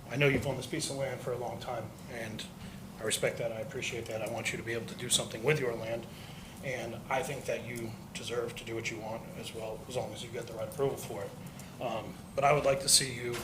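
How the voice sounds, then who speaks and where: A man speaking at public comment in a council meeting, calm, measured and polite. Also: mid-range voice, background noise.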